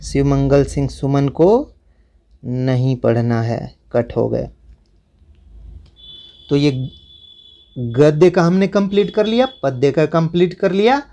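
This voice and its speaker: Man teacher, slightly high voice, repetitive step-by-step instructions, speaks straight to students. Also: a little mellow. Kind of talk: syllabus walkthrough lesson.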